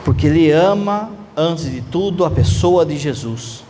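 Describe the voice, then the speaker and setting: High-voiced priest preaching. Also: male voice, a little slow. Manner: conversational, animated, uses rhetorical questions. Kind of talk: sermon. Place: church. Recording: reverberant church hall, faint noise.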